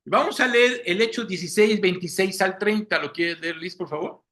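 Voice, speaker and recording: A man's voice: sits high, moderate pace, bright, forceful tone. A man preaching a Sunday sermon, often checking in with the congregation with rhetorical questions. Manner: asks listeners rhetorical questions, frequent "¿sí?".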